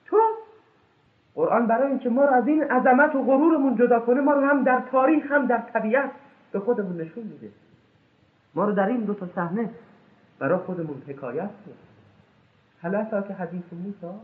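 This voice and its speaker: A man delivers an impassioned sermon in a high voice, chanting scripture verses slowly between his own words. He leaps from loud outcries to low, hushed asides. The sound is tinny and narrow, like a phone line, with a strong roomy echo. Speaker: religious lecturer. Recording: echoey, tinny lo-fi recording.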